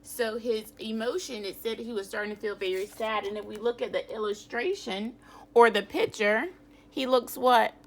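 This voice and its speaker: A woman's voice: on the high side, fairly even intonation, a little hiss or hum. A woman teacher, reading a picture book aloud to children and stopping to quiz them. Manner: reads slowly, stops to quiz children. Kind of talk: read-aloud lesson for children. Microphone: phone camera.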